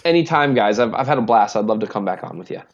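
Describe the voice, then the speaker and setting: A man's voice: fairly low pitch, animated, fast, dull audio. Talkative Minnesotan man, podcast guest. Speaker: guest analyst. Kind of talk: casual podcast chat.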